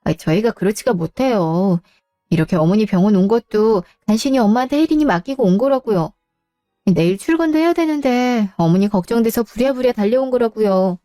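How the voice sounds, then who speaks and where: A woman's voice: medium pitch, animated, brisk, dark tone, dry recording, clean studio sound, faint music behind, natural voice. A woman voicing a young schoolteacher daughter-in-law in a radio drama who sounds polite on the surface but needles. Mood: pleading.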